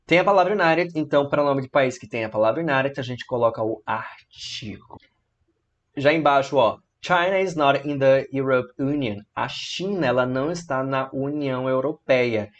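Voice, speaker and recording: A man with a Brazilian Portuguese accent teaching English grammar in an online lesson. He explains each rule step by step, reads the English examples slowly, and checks in often with "tá?" and "né?". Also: medium pitch, highs cut off.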